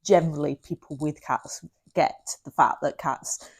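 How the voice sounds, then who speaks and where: A woman with a low-pitched voice speaks as a podcast co-host. Her delivery is informal and conversational, like relaxed shop talk between colleagues. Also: measured pace, husky. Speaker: podcast co-host, cat-sitting business owner. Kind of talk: casual conversational chat.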